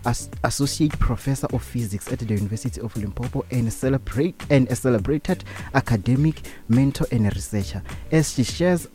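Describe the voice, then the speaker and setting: A man's voice: mid-range voice, fairly quick, few pauses, warm tone, faint music behind. A South African man presenting as a morning show host, reading out the programme rundown in a radio studio.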